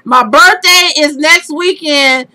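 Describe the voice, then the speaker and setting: A tipsy woman co-hosting a raunchy podcast, talking loud and brash with plenty of swearing. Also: high-pitched, slow pace, low-quality recording. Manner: loud, brash, laughing, drunk and giddy. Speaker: podcast co-host. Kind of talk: raunchy casual chat.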